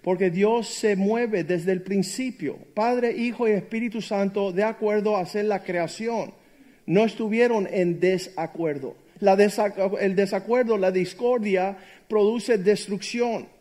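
High-voiced man preaching with humor. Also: measured pace, dark tone. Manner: emphatic, jokey storyteller who acts out quotes. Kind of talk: sermon with personal stories.

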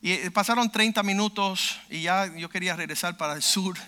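High, bright-voiced fervent male preacher. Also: fairly quick. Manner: fervent, emphatic storyteller who acts out quotes. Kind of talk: sermon with testimony storytelling.

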